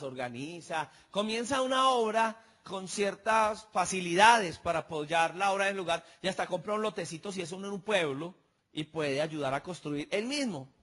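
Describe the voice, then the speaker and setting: A male pastor, delivering a sermon in a high, bright, ringing voice. He tells stories and voices the people in them, building to emphatic peaks. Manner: storytelling preacher acting out dialogue, rising emphatic peaks.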